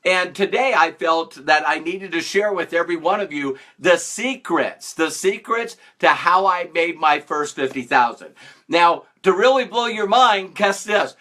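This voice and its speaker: An upbeat man hosts a casual live stream, speaking as a motivational speaker. His voice is fairly high and notably bright. He greets viewers one by one and drives points home with playful mock sarcasm. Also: lively intonation, a little slow.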